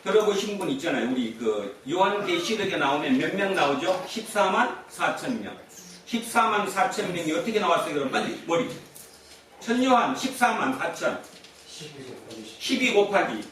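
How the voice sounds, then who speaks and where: Expressive and a bit bright, a pastor's high-sitting voice carries at a moderate pace through his sermon, with a little hiss or hum on the recording. Picked up from a distance in an echoey church sanctuary, he puts questions to the congregation and repeats their answers.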